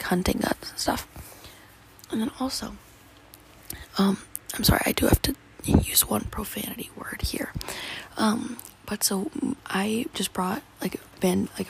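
Creaky, rambling teenage girl. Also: mid-range voice, a little mellow, a little hiss or hum. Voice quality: gravelly creaky voice, often whispering. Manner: rambling, giggly, full of fillers like "like" and "um". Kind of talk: casual vlog chat.

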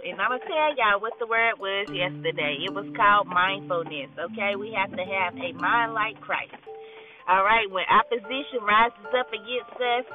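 Chatty woman podcast host over a tinny line. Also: medium pitch. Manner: chatty, repeats "okay?" and "all right?", laughs often. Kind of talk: casual morning devotional podcast. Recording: tinny phone-like line with faint music.

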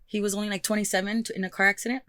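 A woman's voice: medium pitch, little pitch movement, fast, fairly bright tone, no echo. A woman musician, a guest in an interview, talking openly and switching freely between English and Spanish. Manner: open and reflective. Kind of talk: candid interview conversation.

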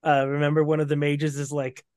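A man's voice: a little high, monotone, fairly quick, darkish tone, no room sound, studio quality. A man co-hosting a casual book discussion podcast, recapping scenes and reading quotes aloud. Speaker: podcast co-host.

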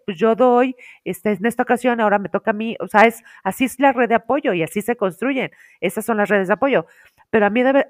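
A woman's voice: medium pitch, dry recording, studio quality. Chatty Mexican woman telling a story. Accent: Mexican Spanish. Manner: animated storyteller acting out quotes. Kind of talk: casual chat.

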